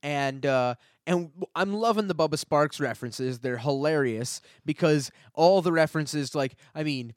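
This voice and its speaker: A man's voice: on the high side, normal speed, few pauses, clean tone, dry recording. Casting note: man as a jokey, rambling podcast host, dry close-mic sound. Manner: rambling, jokey, trails off quietly. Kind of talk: casual chat.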